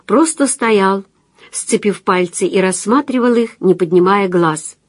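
A woman's voice: mid-range voice, measured pace, dry recording. Woman narrating a story, dry close sound. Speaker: audiobook narrator. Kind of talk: scripted narration.

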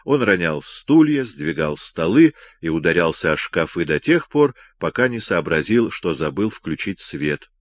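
Brief: male audiobook narrator, low and lively in pitch, very dry studio sound. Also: no echo. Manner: expressive, measured storytelling. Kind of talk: scripted narration.

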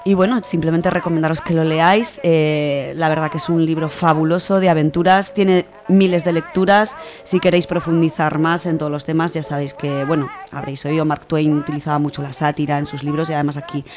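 Over background music, a Spanish-accented speaker delivers a casual, colloquial radio book review in a chatty, explanatory way. Their mid-range, darkish voice holds a steady tone and moves briskly with few pauses.

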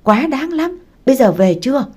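A woman's voice: high-pitched, very animated, moderate pace, a little mellow, voice pushed up. A woman voicing a fierce, defiant young wife who scolds sharply. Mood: angry.

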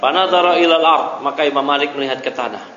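A man's voice: fairly high pitch, quick pace, a bit bright, a little hiss or hum. A male religious teacher giving a classroom lecture, reading a line from a text and then explaining it, checking in with his listeners as he goes. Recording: dull lo-fi recording in an echoey hall.

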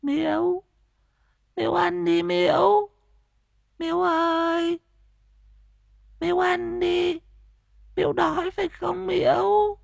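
A man's voice: very high voice, flat delivery, takes it slowly, gravelly, pauses often, no echo, studio quality, pitched above the performer's own voice, heavily acted. A man voicing a simple-minded young mother who speaks in broken, childlike, pleading phrases.

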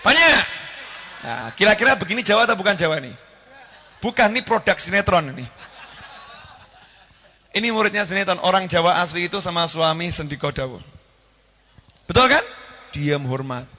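A man preaches in a high, bright voice. He talks animatedly, repeats his words and keeps asking the audience questions. His voice carries a long hall reverb. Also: lively intonation, moderate pace, pauses often. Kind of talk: sermon.

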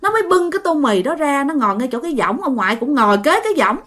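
High, lively woman storyteller. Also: fast talker. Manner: chatty, addresses listeners directly. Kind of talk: casual ghost story telling.

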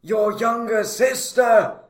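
A man's voice: very high-pitched, steady tone, takes it slowly. A man playing a solemn, demanding, dying Mother Superior with formal phrasing in an improvised comedy scene. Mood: reproachful. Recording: echoey room.

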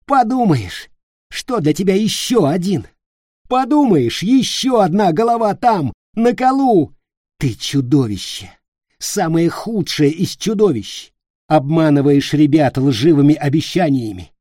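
A man voicing a horrified young man who shouts accusations and sarcasm. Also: fairly high pitch, sing-song, measured pace, dry recording, clean studio sound, pitched above the performer's own voice. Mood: accusing.

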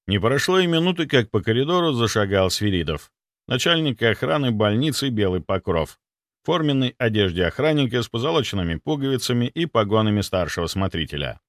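A man reading a story aloud as the narrator, with a dry, lively manner. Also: medium pitch, no echo. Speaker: audiobook narrator. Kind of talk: scripted narration.

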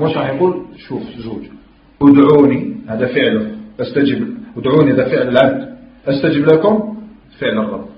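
Fast-talking Algerian preacher in an echoey room. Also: male voice, on the high side, slight background noise. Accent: Algerian Arabic. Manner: emphatic, questioning the listeners, quoting scripture. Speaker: religious teacher. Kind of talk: Islamic lesson in mixed Algerian dialect and classical Arabic. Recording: echoey, dull lo-fi room recording.

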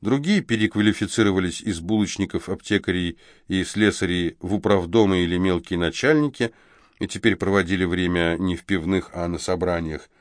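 A man reading a novel aloud as audiobook narrator in a steady, even storytelling manner. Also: low-pitched, a little fast, no room sound, clean studio sound. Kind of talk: scripted narration.

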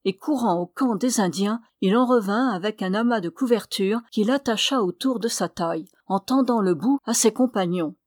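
A woman narrating a novel as an audiobook reader, in a steady, even storytelling read. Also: mid-range voice, moderate pace, hardly any pauses, no room sound, clean studio sound. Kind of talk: scripted narration.

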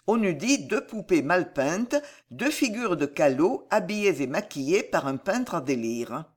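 A woman narrating a historical novel as an audiobook reader, in measured, expressive storytelling. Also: fairly low pitch.

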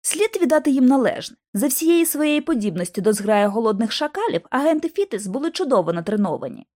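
Expressive woman reading an audiobook. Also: sits high. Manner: expressive, dramatic. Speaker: audiobook reader. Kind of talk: audiobook narration.

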